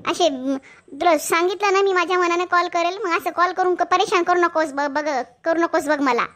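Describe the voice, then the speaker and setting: A woman's voice: extremely high pitch, normal speed, fairly bright tone. A woman voicing an anxious young girlfriend in a cartoon story, pleading and fretful, with a Marathwada Marathi accent. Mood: annoyed.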